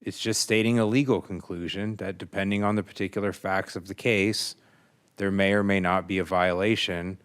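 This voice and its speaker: A middle-aged man, a judge, questioning from the bench in a precise, measured, pointed way. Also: deep voice, steady tone, clear, resonant tone. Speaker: appellate judge. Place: large courtroom. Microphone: bench gooseneck microphone.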